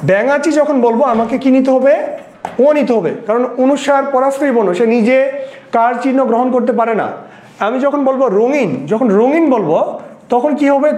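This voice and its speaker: A man's voice: very high-pitched, a little mellow, roomy sound. A male teacher with a Bangladeshi Bengali accent giving an exam-prep lecture, explaining step by step and asking and then answering his own questions.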